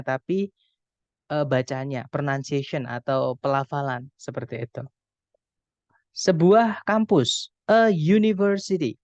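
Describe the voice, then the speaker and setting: A young Indonesian man tutoring an online English grammar class, explaining slowly and patiently with many examples. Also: fairly high pitch, a little mellow, no room sound. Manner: patient, explains slowly, often addresses students as friends. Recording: dull dry call audio.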